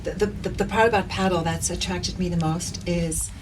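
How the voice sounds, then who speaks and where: A middle-aged South African woman with a South African accent, the founder of a padel league, is a guest in a conversational interview. She speaks earnestly and energetically at normal speed in a low-ish voice, repeating herself as she thinks. A distant mic picks up clear background noise.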